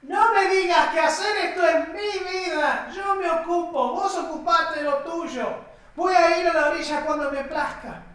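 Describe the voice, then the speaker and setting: A stubborn, proud man on a river, as a preacher puts him on shouts back defiantly in a raised, high voice. The sound is roomy and echoing, picked up from a distance. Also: fairly even intonation, a little slow. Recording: echoey room, distant mic.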